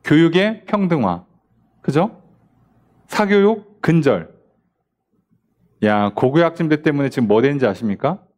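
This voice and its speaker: A man's voice: fairly high pitch, big pitch swings, measured pace, pauses often, a little mellow. A man, a pastor, teaching a midweek Bible study in a conversational preaching style, firing off rhetorical questions and acting out little quoted exchanges.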